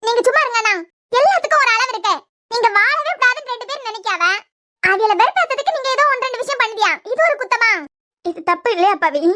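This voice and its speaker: A very high, thin voice carries a hurt young woman's reproaches, as a woman puts her on. Her Kanyakumari Tamil accent and pleading tone suit a homemade cartoon serial. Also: expressive, fast, bright, forceful tone, exaggerated voice. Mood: defensive. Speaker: voice artist.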